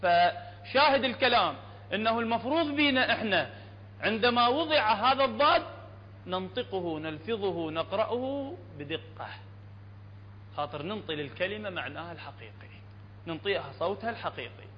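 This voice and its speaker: A high-voiced man with an Iraqi Arabic accent teaches a Quran recitation lesson, drawing out letter sounds to demonstrate them and checking that his listeners follow. The recording is dull and lo-fi, with a long hall echo and a faint hum behind him. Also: animated. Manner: explanatory, checks understanding often, demonstrates sounds slowly. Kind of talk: classroom lesson on tajweed.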